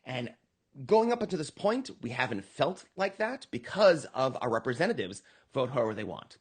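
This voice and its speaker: With big pitch swings and a husky voice, an American political candidate explains his campaign pitch in an interview at a normal pace. He comes across as earnest, conversational, and emphatic.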